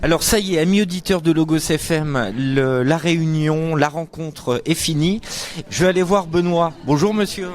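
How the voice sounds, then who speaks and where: A man's voice: a little high, moderate pace, a little mellow. A man working as a radio reporter on location, asking direct, inquisitive questions.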